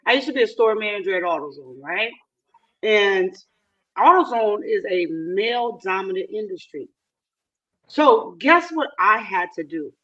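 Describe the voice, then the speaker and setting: A woman's voice: medium pitch, expressive, a little slow, a bit bright. An American woman telling personal work stories in a casual discussion, recorded with dull, lo-fi sound. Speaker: panel discussion participant. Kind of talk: casual anecdotal chat.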